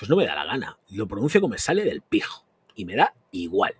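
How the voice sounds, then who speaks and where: A man's voice: lowish voice, wildly swooping pitch, brisk, slightly rough. A man, a perfume channel host answering chat comments on a live stream in a blunt, crude, emphatic rant.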